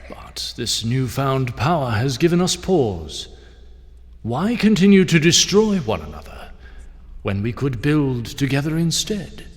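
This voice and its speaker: A middle-aged man's voice, medium in pitch and a little slow, with big swings in pitch. He is an actor playing a grand king, delivering a solemn, ceremonious speech of rousing oratory to a banquet hall. The recording carries long hall reverb and a murmuring crowd.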